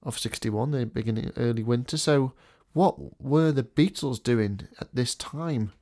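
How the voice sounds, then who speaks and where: A man with a blocked nose from a cold hosts a laid-back podcast, his medium-pitched voice dark in tone and a little slow. He chats freely and self-deprecatingly, starting with a scripted intro before the casual talk.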